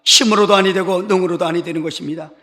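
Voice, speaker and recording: A man's voice: high-pitched, fairly even intonation, fast talker, sharp tone. A male pastor preaching an Easter sermon with emphatic, repetitive exhortations to his congregation. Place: church sanctuary. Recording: reverberant church hall.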